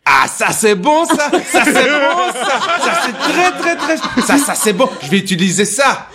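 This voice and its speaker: A man's voice: extremely high pitch, very animated, a little slow, over a noisy crowd, voice pushed up, heavily acted. Cheerful taxi driver, put on by a man, exclaiming, laughing. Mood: delighted. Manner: exclamatory, laughing through lines.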